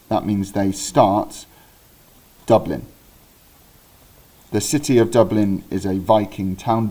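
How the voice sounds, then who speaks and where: Poor audio captures a Welsh man with a low, dark voice teaching history informally. His recorded lesson is chatty and full of ums and restarts, with the odd self-correction.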